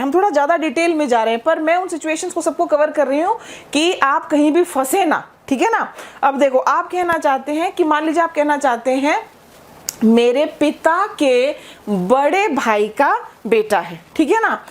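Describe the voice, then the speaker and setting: Woman, English teacher, high-pitched, slow spelled-out examples, brisk explanations, frequent check-ins. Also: lively intonation. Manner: slow, spelled-out model phrases between quick explanations; checks in with the class often. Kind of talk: spoken English lesson.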